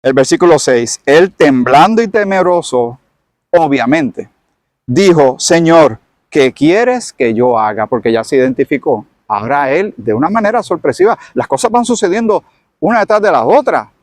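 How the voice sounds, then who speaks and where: A man's voice: on the high side, animated, moderate pace, no room sound. A man teaching from the Bible in a sermon style, retelling the scene dramatically and acting it out. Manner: dramatic storyteller who acts out the scene.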